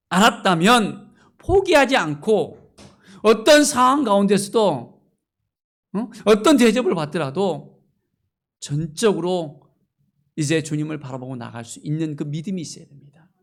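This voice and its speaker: A male pastor preaching a sermon with passion, moving from loud exclamations to near-whispers and asking his congregation rhetorical questions. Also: high voice, lively intonation, measured pace, pauses often.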